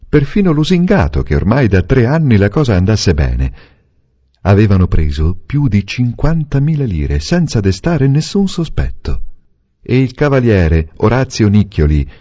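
Low-voiced male audiobook narrator. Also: mellow. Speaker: reader. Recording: dull lo-fi recording.

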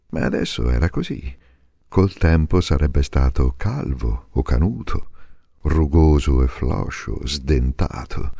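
A man giving a dramatic literary reading in a slow, measured, intense way, sometimes sinking to a hush. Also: a bass voice, vocal fry, no room sound, clean studio sound. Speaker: reader.

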